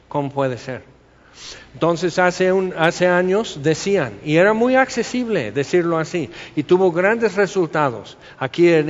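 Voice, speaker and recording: A man with a Mexican accent preaching a sermon as a pastor, talking conversationally and asking the congregation rhetorical questions. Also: on the high side. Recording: reverberant hall, slightly dull sound.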